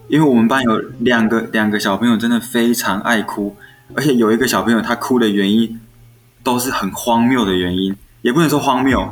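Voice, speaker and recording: A young man in his twenties with a Taiwanese Mandarin accent, an elementary school teacher telling classroom stories in casual chat and acting out what was said. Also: lowish voice. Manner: animated storyteller who acts out quoted dialogue. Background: faint background music.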